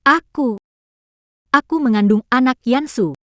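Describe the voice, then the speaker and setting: A woman's voice: a little high, unhurried, a bit bright, no echo, muffled recording. A woman playing an obsessive jilted young woman in a dubbed melodrama, overwrought, pleading and defiant. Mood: desperate insistence.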